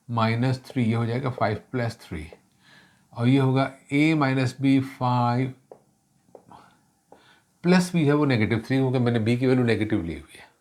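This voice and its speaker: A man teaching a math lesson, mixing in English terms, explaining step by step and asking rhetorical questions. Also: medium pitch. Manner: self-correcting, asks rhetorical questions.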